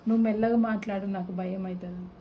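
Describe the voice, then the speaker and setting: A woman, gently teasing a small child with question after question in a playful home video. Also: mid-range voice, fairly even intonation, fast talker, muffled recording, background noise. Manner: coaxing, teasing questions, soft-spoken.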